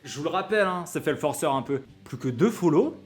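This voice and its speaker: A young man chatting on a live cooking stream, excitable and jokey, reading his chat aloud and often stepping away from his desk mic. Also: a little high, quick pace. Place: home kitchen. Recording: faint music behind.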